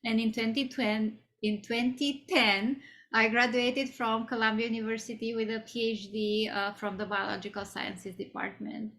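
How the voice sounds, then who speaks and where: Bright woman in her forties. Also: a little high, level tone, moderate pace. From Romania. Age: 40s. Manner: conversational, many fillers and restarts. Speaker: guest speaker. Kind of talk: career interview.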